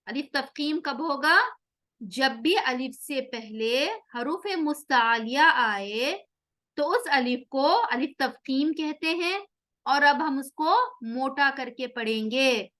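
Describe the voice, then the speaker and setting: A woman teaches recitation rules in a slow, patient way. She repeats each rule and sounds out example words over and over. Her voice is high and bright. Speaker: tajweed teacher. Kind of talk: explanatory lesson with recited examples.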